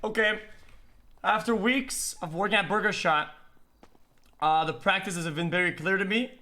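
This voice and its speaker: High bright-voiced man testifying. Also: moderate pace. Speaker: witness in a role-play court. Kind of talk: role-play testimony.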